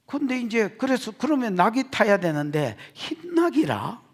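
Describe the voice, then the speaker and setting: A man preaching with a strong Gyeongsang accent, his voice sitting very high and swinging widely up and down. He teases the congregation with jokes, then drives his points home with shouted emphasis. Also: moderate pace. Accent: Gyeongsang Korean. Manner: animated, jokey, shouts for emphasis. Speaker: pastor. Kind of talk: expository sermon.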